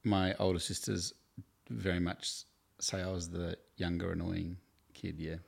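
A very low-voiced Australian man from Tasmania, in his forties, talks with a gravelly edge. He tells stories from his own life as an interview guest in a chatty, self-deprecating way, laughing as he goes. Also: level tone, a little slow. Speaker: campus ministry worker, guest. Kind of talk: casual interview storytelling.

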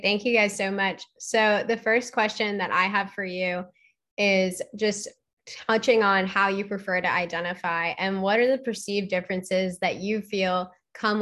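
A woman's voice: medium pitch, a bit bright. A young woman moderating a group interview in a friendly, inviting way.

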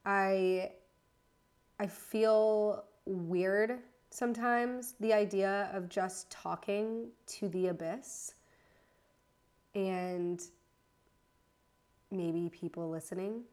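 A nervous, chatty woman in her thirties hosts a casual solo podcast from her apartment. Her voice is lowish and a little mellow, and she rambles with restarts and self-corrections.

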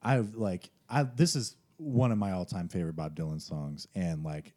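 A man's voice: low-pitched, moderate pace, warm tone. A man talking casually and enthusiastically about music, rambling with frequent restarts.

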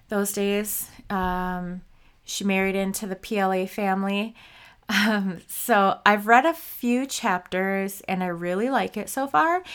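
A woman's voice: medium pitch, fairly bright tone, clear, resonant tone. Woman doing a casual story podcast, takes her time, kinda sweary and informal. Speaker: podcast host.

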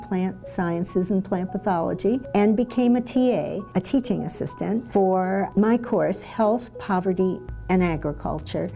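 A woman hosting a podcast, giving a measured, scripted introduction of her guest outdoors by a campfire. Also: mid-range voice, gravelly, mellow. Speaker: podcast host, university faculty.

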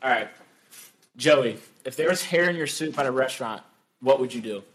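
A man's voice: mid-range voice, expressive, moderate pace. A young man hosting a casual group podcast, quizzing his friends and laughing often. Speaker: podcast host.

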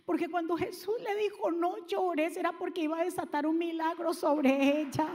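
High-voiced woman preaching in a reverberant hall. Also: fairly even intonation, moderate pace. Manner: swings from hushed to shouted, repeats phrases, urges the congregation. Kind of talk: sermon. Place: church hall. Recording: long reverb of a church hall.

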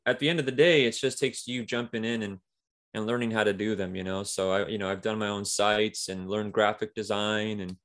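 A man's voice: on the low side, fairly even intonation, brisk, a bit bright. A man guesting on an interview, talking about his work as a comic writer in a casual, rambling way with many fillers. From Mexico–US border region.

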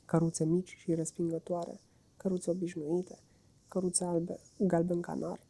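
A woman's voice: fairly low pitch, little pitch movement, gravelly, mellow. A woman voicing a dreamy male toad obsessed with motorcars, murmuring in a rapt, entranced way for a storybook reading.

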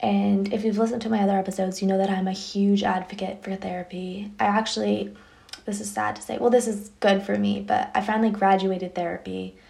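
A young woman hosts a podcast and tells her own story candidly. She talks in a chatty way, full of fillers and restarts. Her mid-pitched voice has a gravelly fry in it. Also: flat delivery, brisk, darkish tone. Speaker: podcast host. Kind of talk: personal storytelling monologue.

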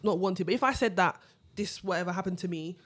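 Fast-talking woman, emphatic. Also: lowish voice, fairly bright tone. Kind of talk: casual podcast chat.

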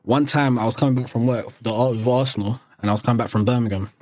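A man's voice: medium pitch, fast, a little mellow, no echo. Young man telling rambling stories. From Eritrea and Sudan. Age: young adult. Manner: rambling anecdotes with many restarts. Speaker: podcast guest. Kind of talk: casual chat, storytelling.

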